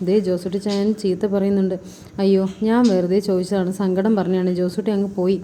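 A woman runs through a serial episode at a quick clip, chatty and informal, slipping into the characters' lines as she goes. Her voice is dark and mellow. A faint ambient hum sits behind her. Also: medium pitch, level tone. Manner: chatty, keeps adding a tag word at line ends, acts out the dialogue lightly. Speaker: serial review vlogger. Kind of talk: casual retelling of a TV serial episode.

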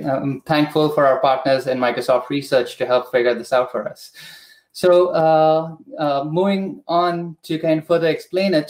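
A slightly high-voiced man walks through a technical process in a measured, methodical way, pausing often with "uh". He speaks over a video call from a home room, and the room gives his voice a noticeable echo. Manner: measured, explanatory, frequent "uh" fillers. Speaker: product expert guest. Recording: echoey room.

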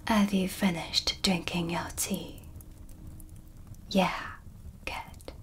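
In a hushed ASMR roleplay recorded close on a studio mic, a woman with a lowish voice plays a calm, mysterious dark witch who teaches shadow magic. She speaks slowly and deliberately in a soft whisper, guiding the listener with a dry, sardonic, teasing menace.

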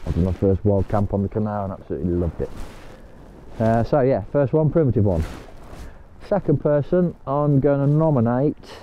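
A man's voice: medium pitch, lively intonation, normal speed, highs cut off, slight background noise. An older man chatting casually to camera while kayaking on a canal, talking to his dog now and then. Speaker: vlogger. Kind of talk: casual vlog chat.

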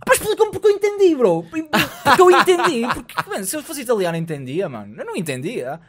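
A man in his thirties with a European Portuguese accent, co-hosting a casual podcast and telling animated stories, acting out the dialogue and swearing freely, on a studio mic. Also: very high-pitched, fast. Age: 30s. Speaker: podcast co-host. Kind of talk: casual chat. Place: studio with blue lighting, indoors. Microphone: studio mic on arm.

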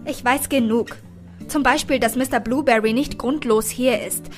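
A woman's voice: a little high, normal speed, natural voice. A woman reading an audiobook and voicing a grumpy, sensible woman who answers in a dry, grumbling way, with faint music behind.

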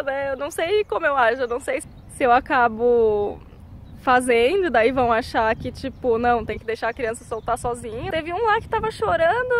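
Brazilian Portuguese woman, young, high-pitched, chatty vlogger; noisy street-side recording. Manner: chatty, animated, frequent tag questions. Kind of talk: casual vlog chat.

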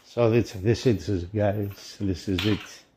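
Speaking very slowly in a lowish, mellow, steady voice, a male magazine reviewer narrates an unboxing. His non-native English is halting and broken as he describes the items in his hands.

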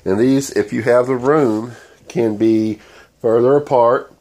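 This man's voice is mid-range, slightly slow and darkish in tone, and stuffy from a cold. As a DIY channel host, he wanders through a straightforward how-to demo in a sewing room, recorded on a handheld phone.

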